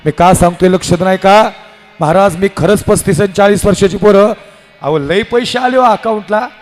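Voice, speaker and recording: A man's voice: high-pitched, moderate pace. A man preaching a devotional kirtan sermon, telling stories with acted dialogue in an impassioned manner. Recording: live hall with reverb and instruments.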